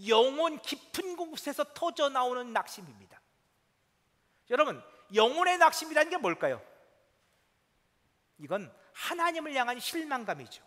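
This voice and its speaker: A male pastor with a very high, bright voice preaches a middle-aged sermon full of feeling. His pitch leaps up and down as he moves from hushed asides to fervent, near-shouted appeals. A long church reverb trails every phrase. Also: big pitch swings, normal speed, pauses often. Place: church sanctuary.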